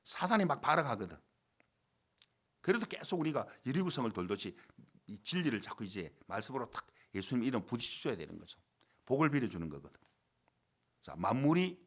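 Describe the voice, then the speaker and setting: Man, pastor, sermon, fervent, rhetorical questions, animated delivery. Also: medium pitch. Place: church service.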